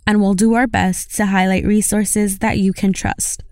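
A woman hosting a podcast, reading a scripted outro in a clear, measured way. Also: medium pitch, level tone, warm tone, dry recording, studio quality. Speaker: podcast host. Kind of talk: scripted narration.

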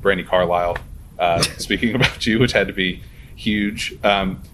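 A man interviewing a musician in a casual interview, asking hesitant questions with many pauses and chuckles. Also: low voice, noisy background.

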